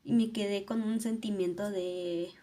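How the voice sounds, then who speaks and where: A woman's voice: medium pitch, fairly even intonation, measured pace, warm tone. A young woman, thinking aloud in an earnest, reflective personal vlog. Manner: earnest, thoughtful, musing aloud. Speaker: vlogger.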